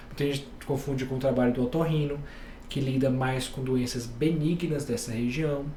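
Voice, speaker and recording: Male surgeon guest from Bahia, patient explainer, average pitch, echoey room recording. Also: slight background noise. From Bahia, Brazil. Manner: calm, explains step by step with plain examples. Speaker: head and neck surgeon guest. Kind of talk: explanatory podcast interview.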